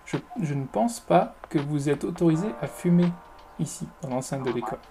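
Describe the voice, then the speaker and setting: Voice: medium pitch, expressive, moderate pace, noisy background. A teacher patiently explaining English phrases in French, step by step, often repeating key words.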